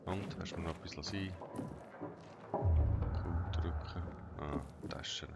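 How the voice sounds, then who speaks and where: A man giving casual gameplay commentary as a let's player, muttering to himself in a monotone way. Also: sits low, unhurried, vocal fry, over loud music. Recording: loud noise over the voice.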